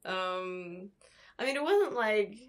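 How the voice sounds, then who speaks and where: A woman's voice: mid-range voice, expressive, slow. A young adult woman chatting casually and conversationally about playing a VR game. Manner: conversational, laughs easily. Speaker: streamer's co-player. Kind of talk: casual chat about VR gaming. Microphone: binaural recorder, standing in VR headset.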